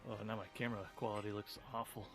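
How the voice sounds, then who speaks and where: A man's voice: on the low side, flat delivery, very fast, over music. A man running a tabletop game as game master over a voice call, talking casually and laughing easily. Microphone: home computer mic on a voice call.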